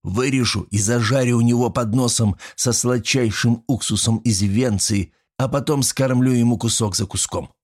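A man reading an audiobook, voicing a vindictive, lecherous jailer who talks slowly and menacingly. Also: medium pitch, husky, pitched above the performer's own voice. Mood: gloating. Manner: slow, gloating, menacing.

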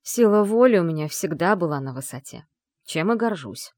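A woman voicing a defiant, sharp-tongued young heroine. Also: fairly low pitch, lively intonation, normal speed, no echo, clean studio sound, close to an everyday voice. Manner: defiant, snappy retorts. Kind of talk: audiobook character reading.

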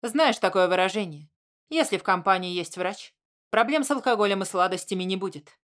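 A woman's voice: mid-range voice, animated, brisk, fairly bright tone, natural voice. A woman voicing Zhenya, a blunt, angry adult man who argues defensively.

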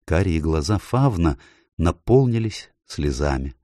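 A man reading a children's storybook aloud with an expressive, lilting delivery. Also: deep voice, a little slow, no echo, clean studio sound. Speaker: audiobook narrator. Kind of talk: storybook narration.

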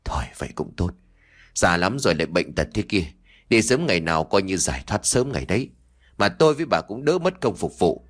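A heartless middle-aged husband, voiced by a male narrator, talks in a low, grumbling tone. He sounds cold and lecturing, and his false sorrow is thin. The voice belongs in a spoken village ghost story. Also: sing-song, a little fast. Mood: sighing.

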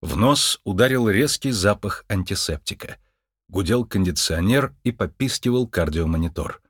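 Male narrator for a storybook audiobook; expressive, very animated pitch, dry booth. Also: normal speed, slightly rough, no echo. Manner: expressive, lively reading. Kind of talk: audiobook reading.

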